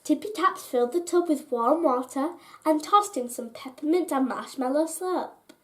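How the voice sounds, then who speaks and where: Here a high-pitched female storyteller reads a bedtime tale for children, expressive and deliberate in how she tells it.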